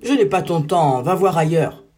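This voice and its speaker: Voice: mid-range voice, expressive, moderate pace, darkish tone, faint music behind, close to an everyday voice. A storyteller voicing a sheep busy eating who curtly brushes off a request. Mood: dismissive. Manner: curt, brushing off. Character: dismissive grazing sheep.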